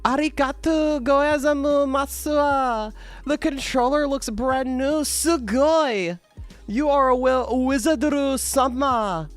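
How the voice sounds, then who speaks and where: A man's voice: extremely high pitch, slow pace, soft background music, pitched above the performer's own voice. A man voicing an overexcited young male tourist who is obsessed with anime and peppers his speech with Japanese words. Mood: gushing. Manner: gushing, sprinkled with Japanese words.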